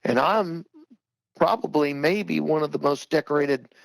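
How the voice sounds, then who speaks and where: An older man talking heatedly on a podcast, repeating himself for emphasis and rising in pitch when worked up. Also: unhurried, creaky, no room sound, poor audio. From Texas. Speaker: podcast guest. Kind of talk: impassioned talk-show commentary.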